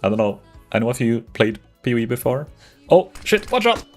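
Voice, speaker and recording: A Swedish man streams a game and chats casually with viewers, rambling, greeting them, and restarting his sentences often. His medium-pitched voice is brisk and sing-song, with faint music playing behind him.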